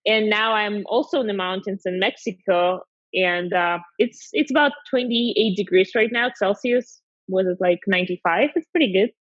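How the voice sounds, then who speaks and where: A young woman from Siberia with a Russian accent and Russian as her first language, chatting relaxed as a podcast guest. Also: medium pitch, normal speed, dry recording. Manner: relaxed and chatty, frequent "like" fillers. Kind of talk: casual interview chat. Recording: slightly dull lo-fi audio.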